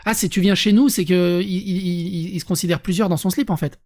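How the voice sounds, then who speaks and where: A streamer with a French accent reading an article aloud to viewers, breaking off for lively, sarcastic asides and restarts. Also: mid-range voice, a little fast. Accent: French (France).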